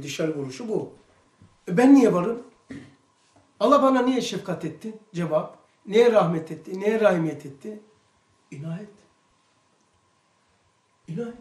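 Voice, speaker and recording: Animated man teaching in an echoey room. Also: high voice. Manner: animated storytelling, emphatic outbursts. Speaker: religious study teacher. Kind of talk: religious lesson talk. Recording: echoey room, mic far off.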